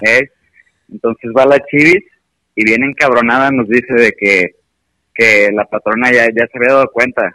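A young man with a Mexican accent comes through on a live phone call, relaxed and full of slang. His voice sits fairly low and sounds close and dry, with no room around it. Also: moderate pace, no room sound. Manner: laid-back and slangy. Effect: heard over a phone call. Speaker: friend called live on the phone. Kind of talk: casual chat.

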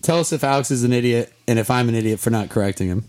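A man. He is animated and joking, and he keeps throwing in "dude.". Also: medium pitch, very fast. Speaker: podcast co-host. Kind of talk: casual chat.

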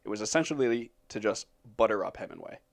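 Guy, low-ish voice, casual podcast host, rambly and full of fillers. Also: animated, quick pace. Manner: rambling, filler-heavy, laughs often. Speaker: podcast host presenting the topic.

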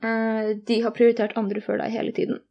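A woman's voice: a little high, completely flat delivery, gravelly, dull audio. A young woman telling a personal story in conversation, earnest and candid, retelling each exchange in detail.

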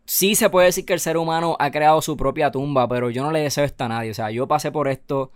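A man's voice: fairly high pitch, fast talker, dry recording, clean studio sound. A man hosting a casual podcast, rambling and opinionated, with frequent repetition. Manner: rambling, opinionated, repeating himself. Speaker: podcast host.

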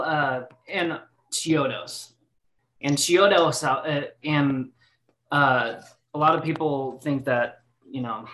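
Bright-voiced rambling young male singer. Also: mid-range voice. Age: 20s. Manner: rambling, full of fillers and restarts. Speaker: band singer. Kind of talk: casual podcast interview.

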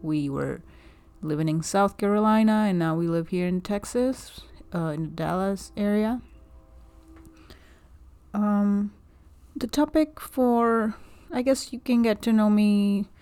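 A woman in her thirties from Guatemala, talking alone in a casual podcast monologue, soft-spoken and hesitant, with many fillers and restarts. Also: medium pitch, slow pace, long pauses, smooth. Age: 30s. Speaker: podcast host.

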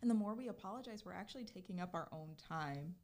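A woman's voice: on the low side, lively intonation, quick pace, a little mellow. A woman guest who works as a therapist, speaking casually and emphatically with frequent laughter. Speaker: guest, clinical social worker. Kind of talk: casual podcast conversation.

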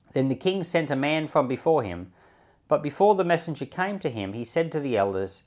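With a fairly high-pitched voice, a pastor hosting a Bible podcast gives an expressive scripture reading, adding casual commentary of his own.

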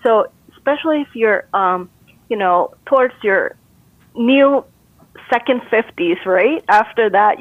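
Speaking on the high side with no room sound, a Costa Rican woman and brain health specialist is interviewed casually over a call. She's upbeat and encouraging, laughs easily, and the phone line sounds tinny.

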